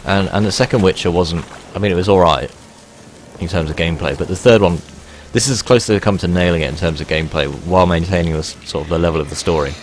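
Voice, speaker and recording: A man's voice: deep voice, quick pace, slight background noise. A man giving casual let's play commentary in a rambling, wry way, often breaking off and restarting. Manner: rambling, self-interrupting and wry.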